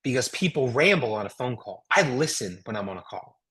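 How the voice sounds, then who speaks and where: With big pitch swings and a rumbling low register, this woman talks a little fast; her tone is fairly bright with a breathy edge. She's an American network marketing trainer giving a folksy, emphatic motivational sales talk that uses rhetorical questions.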